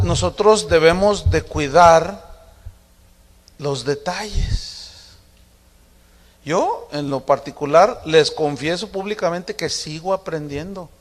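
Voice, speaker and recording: Middle-aged man, pastor, chatty sermon with acted-out family anecdotes, fairly high voice, long hall reverb. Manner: conversational storytelling, acting out family dialogue with humor.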